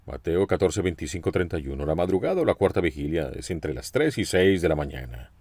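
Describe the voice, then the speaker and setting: Male preacher, deep and animated, expressive sermon delivery, dry close recording. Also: brisk, dry recording. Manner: expressive storytelling with questions to listeners.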